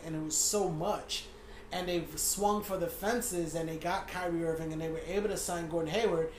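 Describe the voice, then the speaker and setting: A man co-hosting a podcast, breaking down sports in a blunt, opinionated way and swearing freely. His voice sits high for a man. The recording sounds echoey, with a faint hiss underneath. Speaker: podcast co-host. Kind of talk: casual sports chat.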